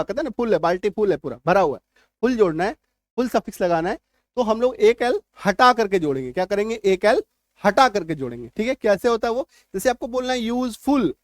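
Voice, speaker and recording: A man's voice: high-pitched, dry recording, clean studio sound. Repetitive, reassuring male English teacher. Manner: repetitive, reassuring, keeps checking understanding. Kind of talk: spoken lesson explaining spelling rules.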